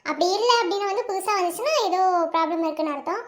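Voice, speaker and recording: A voice actor playing a calm woman doctor who soothes a worried family and repeats her reassurances. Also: very high voice, racing. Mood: reassuring.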